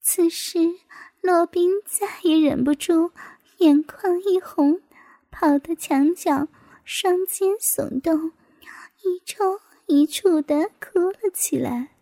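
Storybook narrator, woman, very high voice, hushed half-whisper, slow. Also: dry recording.

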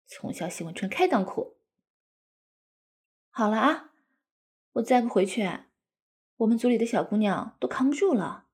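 A woman playing a coquettish, doting young wife in an intimate audio role-play, cutesy, pouty and wheedling, with a breathy voice. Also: medium pitch, a little mellow. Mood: teasing.

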